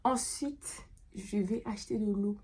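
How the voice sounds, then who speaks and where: A woman's voice: mid-range voice, unhurried, dark tone, slightly rough. A woman vlogging in a casual chat, rambling and thinking aloud with lots of hesitations and playful self-talk.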